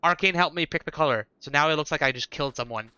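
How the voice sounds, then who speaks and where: A man's voice: fairly high pitch, quick pace, pushed and bright, smooth, dry recording. A man chatting casually with viewers while streaming a video game. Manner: chatty, talks to chat viewers. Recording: dull lo-fi stream audio.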